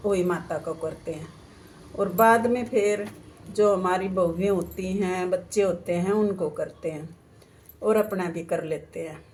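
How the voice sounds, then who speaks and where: A middle-aged woman narrates a devotional fasting tale from her puja corner at home. She speaks slowly and homely, with a soft, mellow tone, stopping now and then to correct herself. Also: lowish voice, slight background noise. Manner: unhurried, homely, self-correcting. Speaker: devotional storyteller. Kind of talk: homely devotional story-telling.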